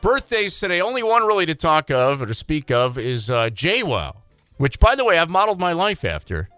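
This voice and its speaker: A man hosting a morning radio show, talking fast with a lively, swooping pitch. He is quick and self-mocking, and his voice is dry and close to the mic. Faint music plays underneath. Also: no echo. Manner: quick, self-deprecating, joking. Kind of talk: casual radio banter.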